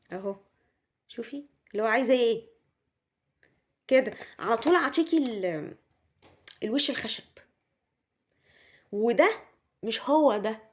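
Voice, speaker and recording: A woman with an Egyptian Arabic accent gives a tarot reading straight to the listener, repeating her points and acting out what others say. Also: a little high. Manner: repetitive, speaks straight to the listener, acts out quoted lines. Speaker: tarot reader. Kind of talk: tarot reading monologue to the viewer.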